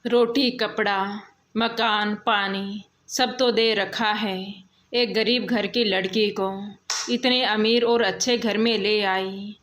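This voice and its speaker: A woman voicing a cruel, scheming middle-aged mother-in-law who scolds and threatens, in a slow storybook telling. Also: medium pitch, fairly even intonation, fairly bright tone. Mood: scornful.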